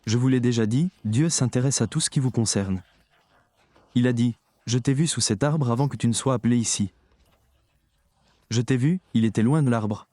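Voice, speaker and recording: A man delivers a sermon with emphasis, addressing the listeners head-on. His voice is dark and mellow, recorded dry and close with no room sound. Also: medium pitch, normal speed, long pauses, no echo. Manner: emphatic, addresses the audience directly. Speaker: preacher.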